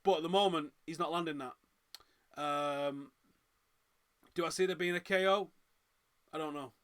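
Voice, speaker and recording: A man's voice: a little high, measured pace, clean tone. A man with a Manchester accent hosting a live fight watchalong, giving chatty reaction commentary and reading out viewer comments. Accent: Northern English, Manchester. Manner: chatty, reads out viewer comments, gets loud and excited at big moments.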